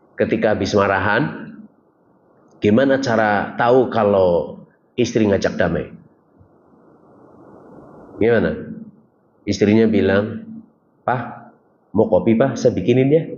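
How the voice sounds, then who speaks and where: A man's voice: medium pitch, darkish tone. Man preaching a lecture. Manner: conversational, jokes with the audience, asks them questions. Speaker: Islamic preacher. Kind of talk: religious study lecture. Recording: dull lo-fi recording with faint ambient noise.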